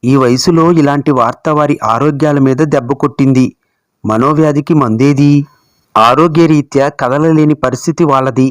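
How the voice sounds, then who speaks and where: A man narrating a family story in a steady, measured storytelling voice. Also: medium pitch, dry recording.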